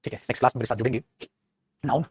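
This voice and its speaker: Quick, playful grammar teacher. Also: male voice, medium pitch, slightly rough, no room sound. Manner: lively, playful, addresses students as beta and guruji, acts out student voices. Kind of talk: online grammar lesson.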